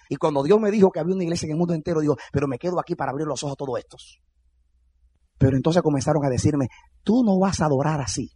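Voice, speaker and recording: A male pastor preaching a sermon, moving from quiet, low storytelling to high, shouted fervor and acting out the words of others. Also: slight background noise.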